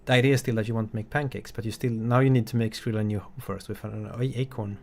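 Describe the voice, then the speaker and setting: A man, a game developer, giving relaxed, halting commentary on his own game with an amused tone. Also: fairly low pitch, slight background noise.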